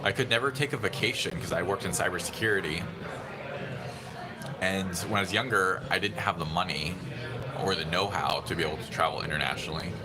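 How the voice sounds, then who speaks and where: Deep-voiced and brisk, a San Diego livestream host in his 30s chats loosely with his viewers and responds to their messages. He's broadcasting by phone from inside a busy restaurant, so crowd chatter is constant behind him.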